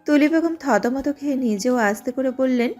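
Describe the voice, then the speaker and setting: A woman giving steady, scripted narration of an audio drama. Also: high voice, normal speed, soft background music. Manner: steady storytelling.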